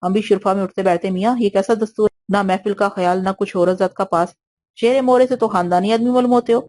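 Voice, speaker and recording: A woman reading an audio novel, voicing a sharp-tongued courtesan who scolds in a mocking, theatrical way. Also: mid-range voice, no room sound, natural voice. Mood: scolding.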